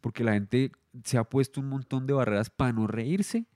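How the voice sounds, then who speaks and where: A man's voice: medium pitch, normal speed, darkish tone, no echo, clean studio sound. A man with a Colombian accent, a comedian co-hosting a casual podcast chat, laid-back and crude with lots of slang.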